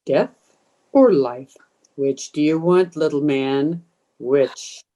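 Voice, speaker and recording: A woman's voice: low voice, mellow. A woman playing a menacing, commanding undead ghost hungry for blood, in old time radio horror style. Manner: slow, commanding, taunting. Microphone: video call.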